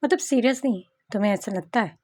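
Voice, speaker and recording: A woman voicing a grieving, guarded young woman who answers calmly and with resignation in a romance novel reading. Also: a little high, moderate pace, pitched above the performer's own voice, natural voice. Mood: wry. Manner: calm, resigned.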